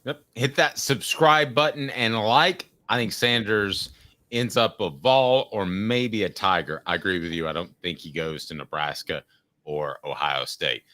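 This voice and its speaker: A man hosting a sports talk show, chatting casually and thinking aloud in a measured way. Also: fairly low pitch, pushed and bright, no room sound.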